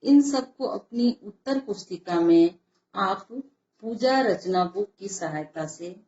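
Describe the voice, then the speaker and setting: Woman teacher, slow and patient, syllable by syllable; dull lo-fi sound in an echoey room. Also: medium pitch, animated, a little mellow. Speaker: Hindi teacher. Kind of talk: classroom lesson explanation.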